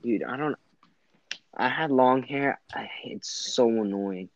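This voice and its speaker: Teen boy, laid-back, quiet, trails off, dry and muffled lo-fi call sound. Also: medium pitch, slow, creaky, dry recording. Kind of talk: casual chat. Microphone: video call. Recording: dull lo-fi call audio.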